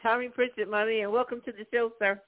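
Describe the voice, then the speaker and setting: A man with a noticeably high voice hosts sports talk radio, chatting and bantering with guests in a casual way. The sound is narrow and thin, like a phone line. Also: level tone, brisk.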